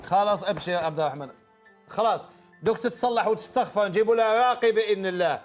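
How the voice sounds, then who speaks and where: A man with an Algerian Arabic accent, a sheikh hosting a TV show, calming a distraught guest with soft, reassuring religious counsel. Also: sits high, rapid-fire, soft background music. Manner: soothing, reassuring, repeats pleas to calm down.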